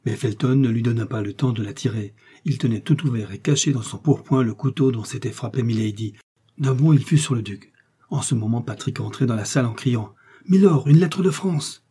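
Husky dark-voiced male narrator. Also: medium pitch. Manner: measured, dramatic reading. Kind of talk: audiobook narration.

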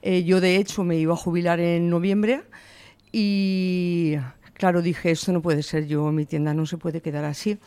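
Answering interview questions, a Valencian woman in her sixties who owns a shop speaks earnestly and with emphasis, quoting her own remarks. Her low, dark, smooth voice is delivered flatly at a moderate pace, with no echo.

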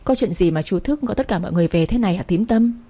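A woman voicing a defensive, sharp-tongued older sister-in-law. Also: mid-range voice, expressive, very fast, lightly acted.

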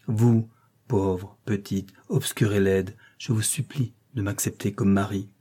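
A man reading a passionate brooding gentleman. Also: fairly low pitch, fairly even intonation, measured pace, breathy edge. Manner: urgent, pleading, impassioned. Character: brooding passionate middle-aged gentleman suitor. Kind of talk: audiobook character reading.

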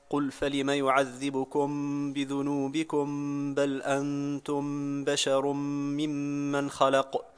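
Guy reading the text out slow and steady, very flat pitch, smooth voice, a bit far from the mic. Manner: reads in a measured, level recitation. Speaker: student reading the text aloud.

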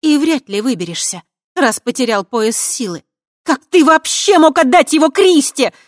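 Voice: expressive, fairly quick, no echo, clean studio sound, natural voice. Kava, a reader doing a fiery young witch. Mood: angry. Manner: high, sharp, emotional delivery. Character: fiery young woman witch, quick-tempered. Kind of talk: audiobook character voice.

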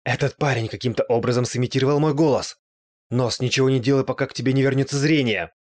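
A man's voice: medium pitch, fairly even intonation, fast talker, darkish tone, voice pushed up, lightly acted. A man voicing a gloating, spiteful male ghost in an audiobook, with a raised, strained, taunting voice. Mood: angry.

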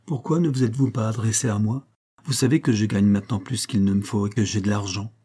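A man reading the lines of a devoted male friend in an audiobook, measured and pleading. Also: lowish voice, steady tone, warm tone, husky. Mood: restrained, pleading.

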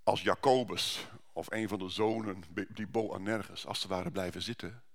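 A man's voice: sits low, steady tone, normal speed. A male pastor giving a sermon at a church service, conversational, with rhetorical questions and frequent restarts.

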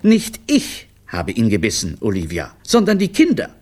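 A man voicing a timid, fussy male circus clown who rushes his words nervously. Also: fairly low pitch, wildly swooping pitch, a little mellow. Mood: defensive. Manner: nervous, rushing.

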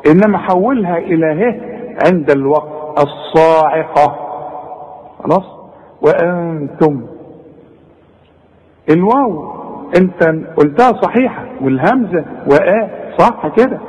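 A man with an Egyptian Arabic accent teaching tajweed, drawing out words slowly to demonstrate and chiding the student. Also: on the high side, a little mellow, in a large hall, rough recording. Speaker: Quran recitation teacher. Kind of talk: tajweed lesson.

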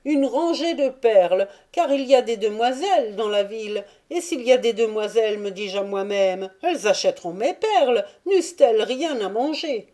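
A woman's voice: fairly high pitch, lively intonation, normal speed, hardly any pauses, mellow, pitched above the performer's own voice, lightly acted. A woman reading aloud and voicing a fearful, pleading old male trader who protests his honesty. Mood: eager, voluble. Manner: voice raised, wheedling and protesting.

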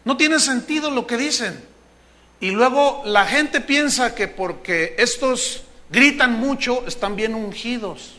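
High bright-voiced male pastor preaching. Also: lively intonation, slow pace. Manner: humorous, mimics shouting preachers. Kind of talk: sermon.

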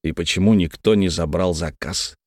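A man narrating a first-person thriller audiobook in a tense, measured way. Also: low voice, dry recording, studio quality.

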